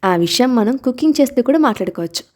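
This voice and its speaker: A woman voicing a gentle, teasing young father. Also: fairly high pitch, lively intonation, fast.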